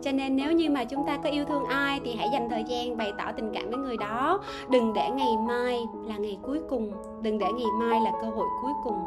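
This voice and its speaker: A woman English teacher giving a livestream grammar lesson, reading out viewers' answers, asking them questions and repeating words slowly. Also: fairly high pitch, fairly even intonation, over loud music.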